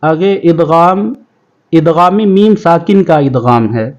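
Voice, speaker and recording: Male tajweed teacher, high and resonant, brisk explanations, slow recitation, slightly dull recording. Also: lively intonation. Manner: alternates quick explanations with slow, drawn-out recitation; addresses children as pupils. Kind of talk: tajweed lesson, spelling out and chanting Arabic words.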